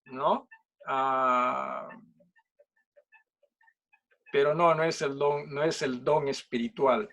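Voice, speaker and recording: A man's voice: sits high, fairly bright tone. A man with a Peruvian accent, a pastor leading a conversational Bible study who keeps checking in with "¿no?" and "¿sí?" and throws in small jokes. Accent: Peruvian Spanish. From Peru. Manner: chatty, asks "¿no?" and "¿sí?" after nearly every phrase, jokes.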